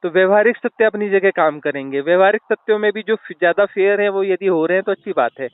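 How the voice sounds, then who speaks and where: A man giving a spiritual talk as a guest, explaining slowly through stories, with restarts, heard over a tinny phone-like line. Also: high voice, clean tone, dry recording. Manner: slow, explanatory, with restarts and fillers.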